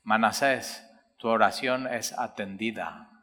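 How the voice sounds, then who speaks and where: Speaking slowly in a steady, fairly bright voice on the low side, a male preacher reads scripture aloud and explains it, talking straight to the listener. The sermon carries long hall reverb.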